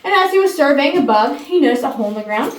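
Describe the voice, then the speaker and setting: A woman's voice: high voice, animated, rapid-fire. A woman giving a memorized guided tour talk, her voice echoing inside a cave. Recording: echoey cave, distant mic, faint noise.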